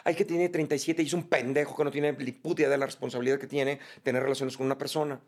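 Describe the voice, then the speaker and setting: A Mexican man speaking as an interview guest, blunt, profane and animated in candid conversation. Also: medium pitch, quick pace.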